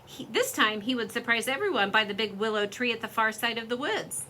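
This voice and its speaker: A woman reading a children's story aloud in an expressive, lively storytelling way. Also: fairly high pitch, a little fast, a little hiss or hum.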